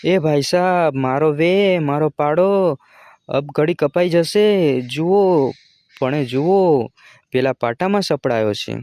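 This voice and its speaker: A man voicing a desperate poor water-carrier who cries out loudly, pleading for help to save his trapped buffalo. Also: a little high, expressive, measured pace, dry recording. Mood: frantic pleading. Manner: frantic, loud pleading cries.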